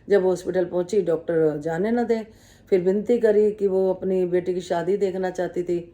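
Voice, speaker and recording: A woman's voice: fairly low pitch, dark tone. A woman giving a spiritual testimony talk, humbly telling her own story to devotees with quoted dialogue. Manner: humble, calls herself the servant and addresses listeners respectfully. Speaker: devotional speaker.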